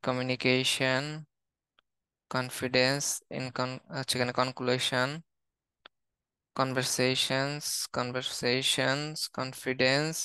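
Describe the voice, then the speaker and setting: Man slowly listing English words, flat delivery. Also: medium pitch, clean tone, no room sound. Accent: Bangladeshi. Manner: steady, listing words one by one. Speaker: English teacher. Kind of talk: reading out a word list in a lesson.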